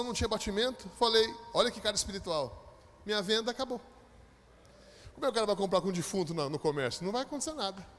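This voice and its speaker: A man from Brazil, a pastor, telling a dramatic story in a sermon, his voice rising to loud, high peaks. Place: church hall. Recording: long echo of a church hall.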